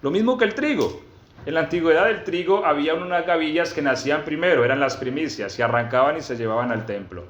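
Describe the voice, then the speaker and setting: A slightly bright-sounding pastor teaches a sermon at a church gathering, questioning his congregation often. Scripture is read aloud slowly and emphatically, and the recording is roomy and dull, low-fi.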